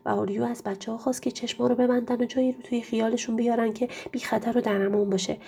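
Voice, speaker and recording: A woman reading a children's storybook aloud in a gentle way, often restarting phrases. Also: on the high side, fairly even intonation, vocal fry, husky. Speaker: reader.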